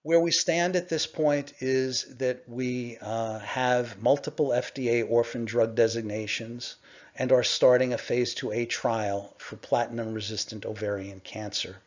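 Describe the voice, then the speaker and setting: A middle-aged man on a conference call, presenting to investors in a measured, explanatory way with frequent "uh" pauses. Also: mid-range voice, fairly even intonation. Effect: conference call line. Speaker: company executive presenting to investors. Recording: dull lo-fi conference call audio.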